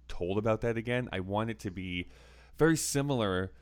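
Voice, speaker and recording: Deep smooth-voiced man chatting casually. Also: lively intonation, moderate pace. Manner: earnest, analytical, with many "like" fillers. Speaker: podcast co-host. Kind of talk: casual movie discussion.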